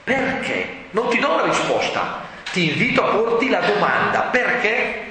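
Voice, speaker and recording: A man preaches a sermon, rhetorical and animated, raising his voice to shouts for emphasis. His voice sits high and swings widely in pitch. It rings through a reverberant hall, with faint ambience behind it. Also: normal speed, slight background noise.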